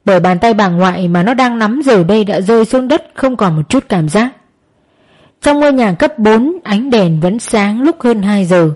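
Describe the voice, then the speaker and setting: A woman reads a dramatic story aloud. Her delivery is emotive and tense, and she speaks at an everyday pitch. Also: lively intonation, normal speed, darkish tone. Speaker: narrator.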